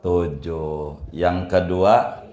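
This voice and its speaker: Low-voiced preacher man. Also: fairly even intonation, drawn-out words. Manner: folksy joking storytelling, bursts of loud rhetorical questions. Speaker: Islamic preacher. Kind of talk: religious study lecture. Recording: roomy echo.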